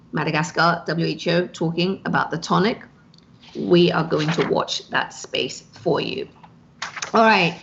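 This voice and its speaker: A woman hosts a live online news show in a loose, chatty manner, dropping small fillers as she goes. Her voice sits low for a woman. The stream audio is dull and lo-fi. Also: gravelly. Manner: conversational, with fillers. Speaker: show host.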